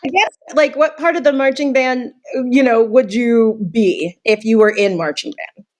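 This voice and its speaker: A woman's voice: a little high, normal speed, a little mellow, no room sound. A woman hosting a casual chat in a bubbly, enthusiastic manner. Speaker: host.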